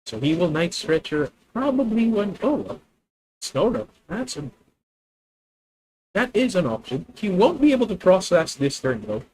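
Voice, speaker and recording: A man's voice: sits high, sing-song, unhurried, darkish tone, low-quality recording. A man with a Filipino accent thinking aloud as he plays a card game on stream, chatting with viewers. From Philippines. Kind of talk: live card game commentary.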